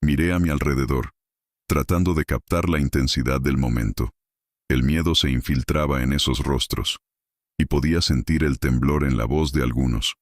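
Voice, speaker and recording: Man, horror story narration, dramatic and measured, very deep voice, dry close recording. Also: steady tone, dry recording.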